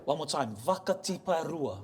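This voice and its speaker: Against background noise, a man with a slightly high voice and lively intonation addresses a live museum audience on ocean voyaging heritage. In a joking, playful way, he spells out word sounds slowly and invites the crowd to repeat them.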